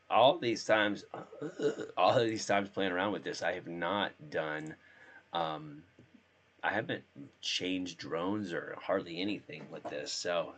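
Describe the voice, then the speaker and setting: Very deep-voiced hoarse man streaming. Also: fairly bright tone. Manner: rambling, thinking aloud. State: hoarse from being sick. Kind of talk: casual live-stream chat while gaming.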